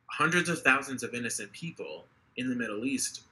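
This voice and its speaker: Interviewed on a video call, an earnest political candidate in his twenties talks with passion, frequently starting his sentences over. His medium-pitched voice sounds pushed and bright, animated and fairly quick. It's a low-quality recording.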